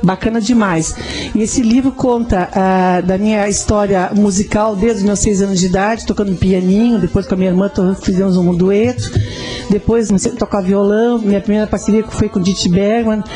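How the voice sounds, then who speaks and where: A woman's voice: mid-range voice, steady tone, a little fast, dark tone, faint music behind. A woman with a southern Brazilian gaúcho accent, chatting as a radio interview guest and repeating words as she explains. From Rio Grande do Sul, Brazil.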